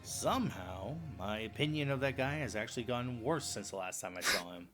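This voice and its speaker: A man's voice: mid-range voice, animated, a little fast, loud music behind the voice, natural voice. A man voicing a reluctant, grumbling young male defense attorney in fan game voice acting. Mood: grumpy.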